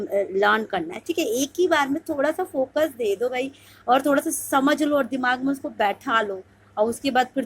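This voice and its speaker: Woman, exam-prep teacher, slightly high voice, slow deliberate reading of questions, then quicker coaxing explanation. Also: slightly rough. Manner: reads English questions slowly, then explains in quick bursts; coaxing, repeats "ठीक है" often. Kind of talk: Hindi-English mixed lesson.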